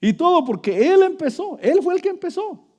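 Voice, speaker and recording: A man's voice: extremely high pitch, big pitch swings, brisk, dark tone. A middle-aged man preaching a sermon, emphatic and storytelling, calling listeners brother.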